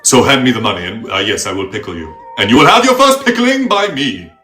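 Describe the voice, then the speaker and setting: A man's voice: mid-range voice, sing-song, pushed and bright, roomy sound, soft background music. A man playing a pompous pickle priest. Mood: grandiose. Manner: grandiose mock-archaic pronouncements, slow and solemn. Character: pompous self-styled male pickle priest. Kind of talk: comedic character interview.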